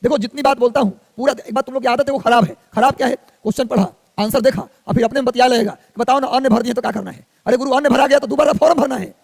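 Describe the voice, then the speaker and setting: A man's voice: very high voice, gravelly, big-room sound. A man teaching an exam coaching class, drilling facts by repeating them in a sing-song list. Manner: rapid, repetitive drilling, sing-song listing. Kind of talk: energetic classroom lecture.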